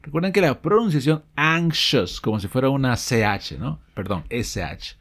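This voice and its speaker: A man's voice: medium pitch, sing-song. A man teaching an audio lesson, explaining phrases patiently, checking in with his listeners and correcting his own slips. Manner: reads example sentences and dialogues slowly. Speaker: English teacher.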